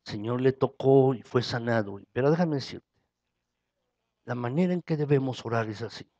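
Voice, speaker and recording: A man's voice: mid-range voice, moderate pace, warm tone, highs cut off. A man with a Mexican Spanish accent preaching a sermon as pastor, his voice rising for emphasis.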